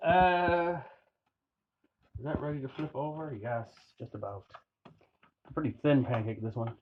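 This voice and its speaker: A man's voice: medium pitch, unhurried. A man in casual home cooking chat in a kitchen, talking in an easygoing, rambling way with many fillers and restarts. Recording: dull home video with faint noise.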